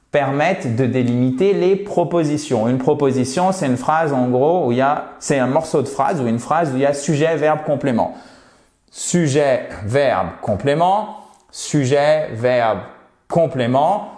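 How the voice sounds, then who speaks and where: A man's voice: medium pitch, darkish tone. French-speaking man teaching English, echoey room. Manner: patient, repeats English words slowly to drill pronunciation. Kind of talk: video lesson at a whiteboard.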